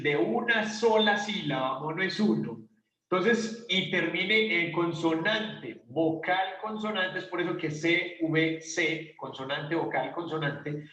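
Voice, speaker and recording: In a dull, distant recording with plenty of room sound, a man gives an English grammar lesson. His voice sits high with a fairly bright tone, and he works through the material step by step, posing questions and answering them himself.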